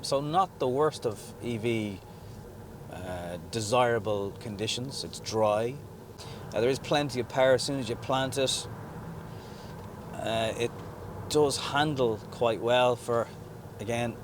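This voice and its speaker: A man giving a relaxed, rambling car review with lots of fillers and restarts, first outdoors and then from inside a moving car. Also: medium pitch. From Ireland. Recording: noisy background.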